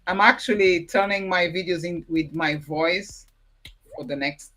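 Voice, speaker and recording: A woman hosting a podcast interview, friendly and giggly with halting phrasing. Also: on the low side, a bit bright, slight background noise. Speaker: podcast host. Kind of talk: casual interview chat.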